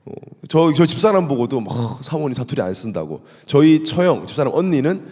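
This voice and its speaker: A male pastor with a Gyeongsang accent, giving a lively, humorous sermon and asking the congregation questions. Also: mid-range voice, fairly quick. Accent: Gyeongsang Korean. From South Korea. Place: church sanctuary. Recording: echoey church hall.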